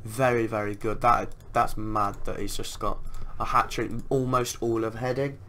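A man chats casually through a video game as he plays. His voice is medium in pitch, and there is clear noise behind it. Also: steady tone, normal speed, sharp tone. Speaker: gaming video creator.

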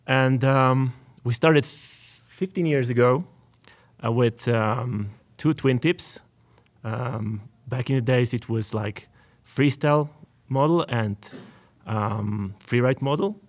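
Polish-accented guy on a panel, slow and halting, lots of ums and likes. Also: mid-range voice. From Poland. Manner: halting, searching for words, with many fillers. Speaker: panel guest, ski maker. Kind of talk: panel talk. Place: stage before a live audience.

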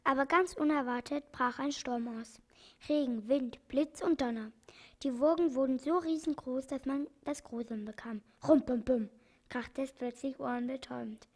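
A woman reading a children's audiobook aloud in an expressive storytelling manner. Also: sits high, moderate pace. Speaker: audiobook reader.

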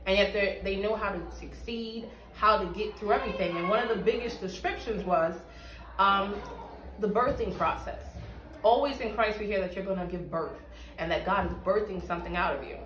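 Seated in a small room with bare walls, a woman delivers an earnest, emphatic church testimony for an interview at medium pitch and moderate pace. The mic sits a few feet away, so the audio is echoey and the background noisy.

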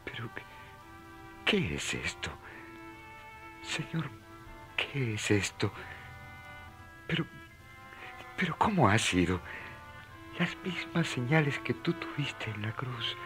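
An actor playing an ailing, humble and fervent friar with a gravelly voice in a radio serial. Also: male voice, mid-range voice, big pitch swings, slow, long pauses, over music. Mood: awed, grateful.

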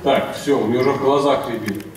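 A man's voice: medium pitch, fairly even intonation, quick pace, natural voice. Bewildered anime newcomer male actor, stage parody, echoey hall, far from the mic. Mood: puzzled. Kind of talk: theatrical anime parody skit. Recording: echoey hall, far off, loud music, crowd.

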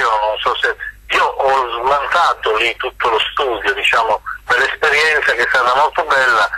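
Male artist heard over a speakerphone line, very bright tone, thoughtful and halting. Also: mid-range voice, breathy edge. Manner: reflective, hesitant, many verbal fillers. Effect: phone call heard over speakerphone. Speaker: sculptor called in by phone. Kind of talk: live phone-in interview.

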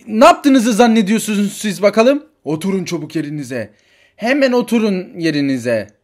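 Man doing a brusque toy-story policeman, bossy, curt orders, lively delivery. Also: high voice, moderate pace. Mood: stern. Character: stern male police officer, brusque. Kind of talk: toy figure story role-play.

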